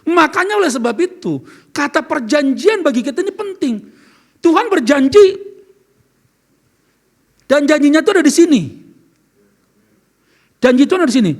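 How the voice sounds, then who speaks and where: A man's voice: very high-pitched, animated, moderate pace, pauses often. A man preaching a sermon as pastor, earnest and questioning, asking the congregation questions as he speaks. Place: church service.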